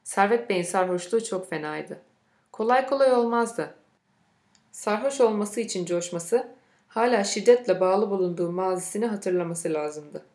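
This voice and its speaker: A woman reading a novel aloud in a steady, measured storytelling voice. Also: mid-range voice, reverberant. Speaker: narrator. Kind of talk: scripted audiobook narration.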